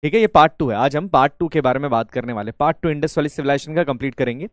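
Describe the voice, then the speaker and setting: A man's voice: a little high, rapid-fire, no room sound, studio quality. A man teaching a live online class, repeatedly checking whether students can hear him and mixing English phrases into his talk, sounding slightly unwell. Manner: hybrid Hindi-English, chanting patriotic greetings, repeatedly checking audio.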